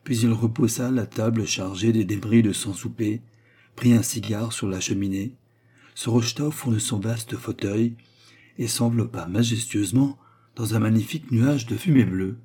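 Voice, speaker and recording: A man narrating a novel as an audiobook reader in a measured storytelling manner. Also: on the low side, mellow, husky. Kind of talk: scripted narration.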